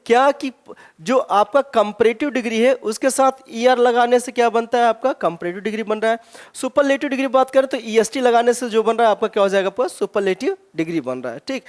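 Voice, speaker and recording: Man, english teacher, exam-prep grammar lesson, keeps asking questions, drawn-out example words. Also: very high voice. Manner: rhetorical questions, slow stressed example words.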